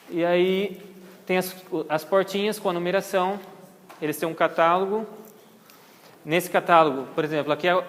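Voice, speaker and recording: Speaking at an orchid society meeting held in a botanical garden meeting room, a Brazilian Portuguese-accented man patiently teaches how to pronounce plant names and checks in with listeners. He has a fairly high, slightly bright voice, and the recording carries a long reverb tail plus a little hiss or hum.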